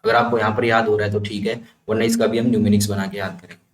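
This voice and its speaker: A man's voice: lowish voice, level tone, fast. A man teaching vocabulary with memory tricks, explaining step by step and checking understanding as he goes. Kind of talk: explanatory lesson with mnemonics. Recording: echoey room, faint ambient noise.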